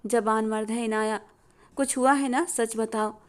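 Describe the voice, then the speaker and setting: A woman voicing a middle-aged, protective mother who questions in a rapid, anxious way. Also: a little high, steady tone, natural voice. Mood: alarmed.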